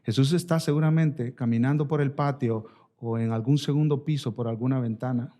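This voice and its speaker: A male pastor preaching a sermon, swinging from emphatic high lines down to hushed, slow ones and calling his listeners brothers. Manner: rises to emphatic highs, then drops to hushed, slow lines; addresses listeners as brother and sisters.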